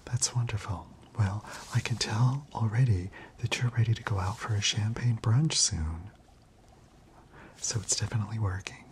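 A middle-aged man in a whispered role-play as a gentle, reassuring chemist, speaking in a soft, soothing spa whisper. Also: fairly low pitch, normal speed, a little hiss or hum. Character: gentle, reassuring male chemist tending to a client. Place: indoor studio set.

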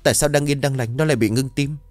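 A man voicing a distraught middle-aged mother crying out over her dead daughter in shrill, desperate wails. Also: fairly even intonation, fast, no echo, soft background music, close to an everyday voice. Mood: frantic.

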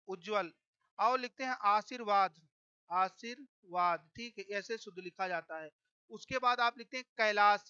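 A man's voice: high-pitched, pushed and bright, smooth. A male teacher giving an exam-prep lecture, explaining step by step and checking in with "okay" after nearly every point. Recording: dull lo-fi sound.

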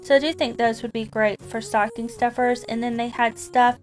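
Sitting in a parked car, a vlogger in her thirties with a Southern US accent chats casually about her shopping haul, recorded by a camera on the dashboard. She's friendly and talkative and calls her viewers "y'all." Her voice is fairly high, with a steady tone and a moderate pace.

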